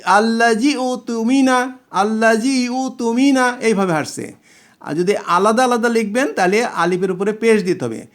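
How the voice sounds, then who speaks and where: A man with a Bangladeshi Bengali accent teaching a class, slowly drawing out Arabic words and patiently checking that students follow. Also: sits high. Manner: slow, drawn-out recitation of Arabic words; patient explaining with checking questions. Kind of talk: Quran grammar class lesson.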